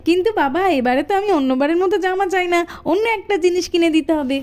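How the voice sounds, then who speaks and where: A woman's voice: very high-pitched, fast talker, a little mellow. A woman voicing an insistent young village girl in a doll cartoon. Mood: wheedling. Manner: insistent, begging.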